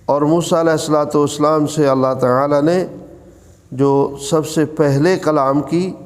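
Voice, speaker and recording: Male religious teacher, slightly high pitch, measured delivery with chanted verses, recorded in a reverberant hall. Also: steady tone. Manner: measured, unhurried explaining, chanting scripture verses between paraphrases. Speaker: Quran teacher. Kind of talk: religious lesson with scripture explanation.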